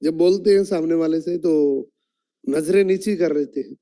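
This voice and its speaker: Guy teaching an online training session, kinda high voice but mellow, keeps asking the audience stuff. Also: steady tone, normal speed. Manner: instructive, asks the audience questions.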